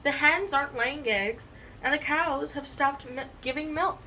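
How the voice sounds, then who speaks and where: A woman's voice: high-pitched, measured pace, pushed and bright, far from the mic, slight background noise, voice pushed up, full character voice, poor audio. A woman voicing a worried female farm cow in a storybook, pleading.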